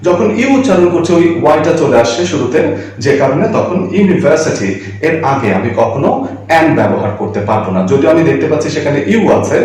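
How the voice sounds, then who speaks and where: A man teaching English grammar, slowly repeating words and answering his own questions. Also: fairly high pitch, lively intonation, a little mellow, far from the mic. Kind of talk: classroom grammar lesson. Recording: very echoey room, voice away from the mic.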